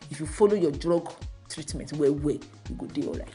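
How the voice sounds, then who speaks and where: A woman's voice: sits low, a little fast, warm tone, faint music behind. A Nigerian woman speaking Nigerian Pidgin as a radio co-host, chatting conversationally about health.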